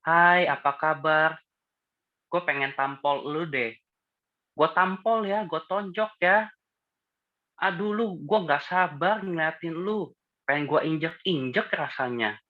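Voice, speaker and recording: A man voicing a sweet-sounding man who speaks threats in a slow, drawn-out, raised voice, on dull lo-fi audio. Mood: mock-sweet menace. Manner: drawn-out, mock-gentle, high.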